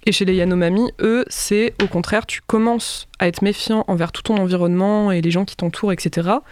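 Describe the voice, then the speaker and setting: A young French woman casually explaining ideas as a podcast co-host, haltingly, as if thinking aloud. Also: medium pitch, steady tone, darkish tone, slight background noise.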